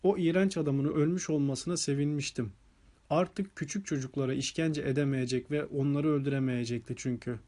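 A grieving middle-aged Swedish nanny, voiced by a man reading aloud sobs as she speaks. Her words come out halting and broken. The voice is mellow and a little high. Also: fairly even intonation, close to an everyday voice. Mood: tearful. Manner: sobbing, halting. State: crying.

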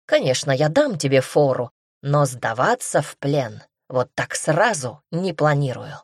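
Woman doing a man, teasing mentor, calm, wry, low voice, dry close sound, storybook reading. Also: a little slow, slightly rough, no room sound, exaggerated voice. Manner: calm, wry, gently mocking.

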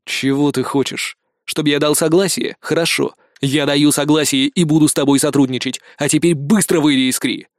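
A man voicing a defiant, foul-mouthed young man in an audiobook, snarling and sarcastic. The voice runs a little high for a man and sits dry and close. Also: fairly even intonation, moderate pace, hardly any pauses, dry recording, lightly acted. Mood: sneering.

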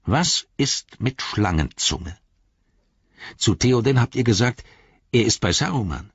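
A man voicing a gruff male dwarf who asks slow questions, in an audiobook. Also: mid-range voice, animated, a bit bright, no room sound, dull audio, full character voice. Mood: curious.

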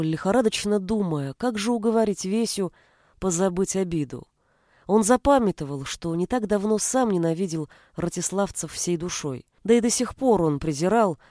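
Steady audiobook narrator, dry sound. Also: mid-range voice, moderate pace, dry recording.

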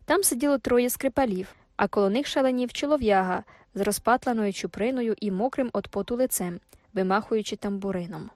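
A woman's voice: mid-range voice, fairly quick, a little mellow, no echo, studio quality. Woman narrating a classic novel. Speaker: audiobook narrator. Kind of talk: literary audiobook narration.

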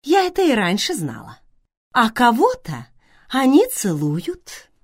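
A woman voicing a sharp-tongued, jealous young woman who talks in shrill exclamations. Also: huge pitch swings, slow, husky, no echo, clean studio sound, heavily acted. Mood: scornful.

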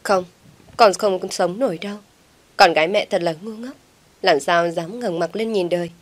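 A woman's voice: on the low side, lightly acted. Soan, a woman playing a sobbing young village woman. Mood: tearful pleading. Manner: sobbing, pleading fast. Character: young village woman, tearful, melodramatic, scheming.

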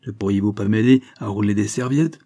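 A man voicing a sharp, scolding spinster sister-in-law who contradicts everything. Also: on the low side, a little fast, lightly acted. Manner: sour and contradicting.

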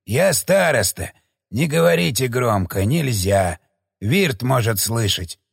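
A man voicing a frightened, very old male elder who talks in hushed, halting phrases in an audiobook. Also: medium pitch, animated, creaky, breathy edge, dry recording, clean studio sound, pitched below the performer's own voice, full character voice. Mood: hushed, fearful. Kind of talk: audiobook character voice.

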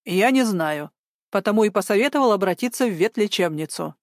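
A woman's voice: medium pitch, lively intonation, a little fast, no echo, clean studio sound, lightly acted. Woman doing a weary young duty sergeant. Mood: accusing.

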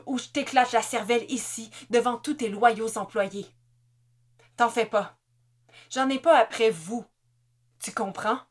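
A woman's voice: fairly high pitch, unhurried, pauses often. A woman reading an audiobook, voicing an exhausted, desperate armed man who barks orders and threatens. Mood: threatening.

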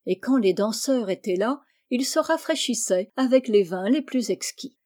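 A woman reading a fairy tale aloud as storyteller, in a measured, expressive way. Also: fairly high pitch.

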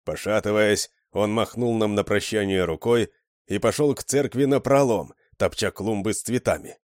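A man narrating an adventure audiobook in a steady storytelling manner. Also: lowish voice, normal speed, no room sound, clean studio sound. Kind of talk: scripted narration.

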